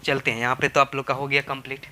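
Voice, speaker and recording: Bright, coaxing male teacher. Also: mid-range voice, level tone, quick pace. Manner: repetitive, coaxing, asks rhetorical questions. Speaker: spoken English teacher. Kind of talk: classroom lesson explaining grammar.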